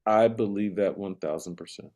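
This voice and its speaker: A man with a mellow, relaxed tone delivers a casual rant in conversation. He leans on repetition for comic emphasis, building his exasperation point by point. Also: fairly low pitch, normal speed.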